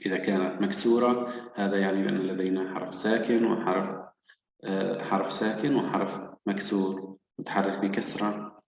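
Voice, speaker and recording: A man teaching children to read, sounding out syllables slowly and patiently. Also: deep voice, level tone, gravelly. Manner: slow, patient, drawn-out syllables. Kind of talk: children's reading lesson. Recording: echoey, dull, hall-like room.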